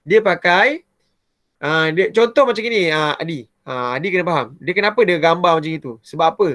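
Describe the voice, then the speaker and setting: A man with a Malaysian Malay accent, a primary science teacher explaining a lesson to his pupils in a chatty, animated way. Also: on the high side, a little fast, no room sound, clean studio sound. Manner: chatty and animated, often starting with "ha".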